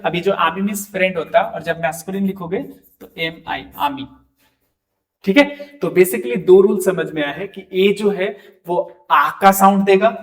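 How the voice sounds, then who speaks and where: A man teaching French pronunciation in a classroom, explaining slowly and asking his students questions. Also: high voice, far from the mic. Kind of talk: classroom lesson.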